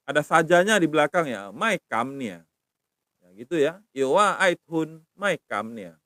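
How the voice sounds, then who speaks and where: A middle-aged man teaching language on a live stream, patiently repeating words slowly and asking viewers questions. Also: fairly high pitch, big pitch swings, bright, forceful tone, no echo.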